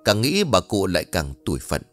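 A man's voice: low voice, wildly swooping pitch, a little fast, a bit bright, soft background music. A man narrating a ghost story in a dramatic storytelling manner.

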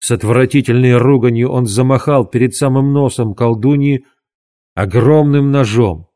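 A man reading a storybook aloud in a measured, dramatic narrating manner. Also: mid-range voice, dark tone. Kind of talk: audiobook narration.

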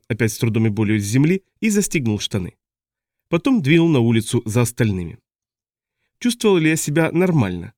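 A man reading a first-person audiobook in a steady storytelling manner. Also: mid-range voice, no echo, clean studio sound. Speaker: audiobook narrator.

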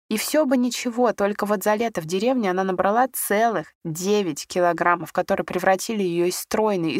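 A woman reading a story aloud in a measured, expressive storytelling manner. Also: mid-range voice, no room sound, studio quality. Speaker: narrator. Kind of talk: scripted audiobook narration.

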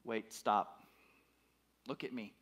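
A man's voice: on the low side, fairly even intonation, slow, fairly bright tone. Emphatic man in his fifties preaching. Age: 50s. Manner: emphatic, repeats words, asks the congregation questions. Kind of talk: sermon. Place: church.

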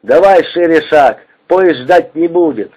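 A man reading the part of a hoarse, bossy male prison-camp convoy chief barking orders. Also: a little high, animated, a little slow, darkish tone. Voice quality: hoarse tenor. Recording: dull lo-fi recording.

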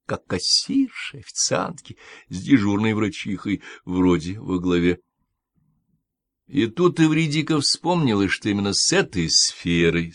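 A man reading an audiobook in an expressive narrating voice. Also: medium pitch, vocal fry, no echo. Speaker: audiobook reader. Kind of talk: scripted narration.

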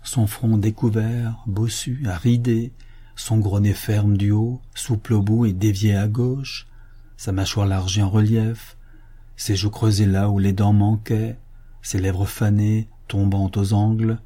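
Dark-voiced man narrating a novel. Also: fairly low pitch. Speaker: audiobook narrator. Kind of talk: literary audiobook narration.

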